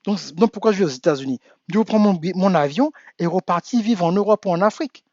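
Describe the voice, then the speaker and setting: A man's voice: high-pitched, animated, fast talker, a little mellow, no room sound. Man from Africa, business coach, insistent, emphatic, dry close sound, muffled. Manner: insistent, rising to emphatic exhortation. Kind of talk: coaching talk to an audience. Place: home in the United States.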